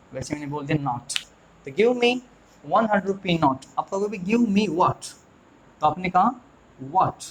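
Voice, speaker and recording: A man's voice: fairly high pitch, low-quality recording. Indian male teacher quizzing his class. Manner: coaxing, quizzes viewers with repeated questions. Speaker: English teacher. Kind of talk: classroom lesson explaining grammar.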